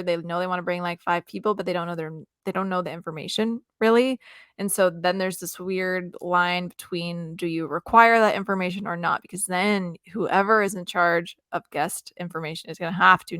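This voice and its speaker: Woman cohost, lots of ums, giggles, slightly low voice. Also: fairly bright tone, smooth, no echo, studio quality. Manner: hesitant, laughs easily, fillers. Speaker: podcast co-host. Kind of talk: casual podcast chat.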